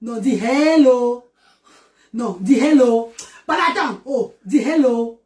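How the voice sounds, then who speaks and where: A woman's voice: a little high, takes it slowly, a little mellow. A middle-aged woman from Central Africa, hosting a live stream and talking to her viewers in an affectionate, preachy way, urging them on with lots of repetition.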